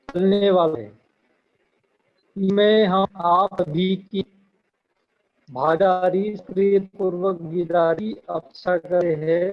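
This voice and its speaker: A high-pitched man teaches slowly over a live online call, halting often with pauses and fillers. His voice keeps breaking up and cutting out on a dull, lo-fi line. The sound is muffled and unsteady throughout. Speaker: Pali teacher. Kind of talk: live online grammar lesson. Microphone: online call audio.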